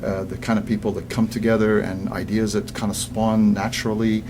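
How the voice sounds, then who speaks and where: A man in his sixties from Egypt, a guest business coach in a casual interview, telling stories with lively restarts and repeated words. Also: lowish voice, brisk, noisy background. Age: 60s. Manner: animated storyteller who repeats words when starting sentences.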